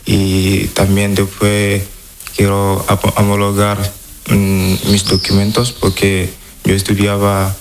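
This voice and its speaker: Hesitant man from Senegal, slow. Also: lowish voice, completely flat delivery, background noise. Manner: hesitant, halting non-native Spanish. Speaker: interviewee. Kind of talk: street interview.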